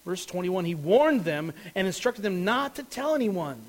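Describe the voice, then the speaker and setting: High-voiced man preaching a sermon. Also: very animated, normal speed, low-quality recording. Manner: earnest, explanatory, emphatic at key words. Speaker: pastor.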